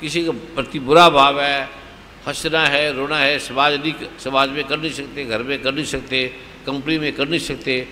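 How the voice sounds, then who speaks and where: A man's voice: mid-range voice, steady tone, normal speed, pushed and bright, long reverb tail, slight background noise. A man leading a spiritual gathering through guided meditation and release exercises, with commanding, repetitive instructions. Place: large hall at a religious gathering.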